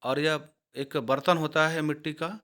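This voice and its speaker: Man, casual video teacher, slightly high voice, spells words out loud, addresses viewers directly. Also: steady tone, measured pace. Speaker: teacher explaining Hindi words used in English. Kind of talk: casual explanatory lesson.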